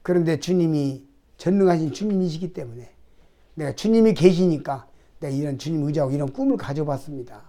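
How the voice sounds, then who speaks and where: Male pastor, high-pitched voice, conversational sermon delivery with rhetorical questions. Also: a little fast, dark tone. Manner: conversational preaching, frequent rhetorical questions to the congregation; acts out prayers and imagined dialogue with God.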